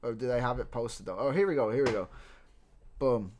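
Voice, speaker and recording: A casual Irish man with a neutral Irish accent hosts a livestream, chatting informally and swearing as he talks to viewers and reacts to team news. He's from Ireland and several countries abroad, and his mid-range, darkish voice moves fairly quickly.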